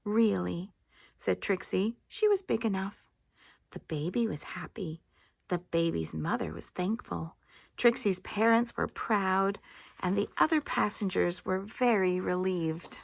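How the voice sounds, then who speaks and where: Creaky grandmotherly woman reading a storybook. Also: medium pitch, measured pace, no room sound, clean studio sound. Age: older. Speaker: storyteller reading a picture book aloud. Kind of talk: expressive read-aloud of a children's story.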